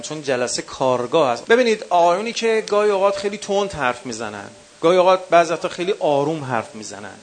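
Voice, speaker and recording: A man with a Qom accent teaching a workshop for eulogy singers. He counts off numbered points and calls his listeners dear ones. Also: a little high. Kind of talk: workshop lecture. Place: workshop session with a live audience.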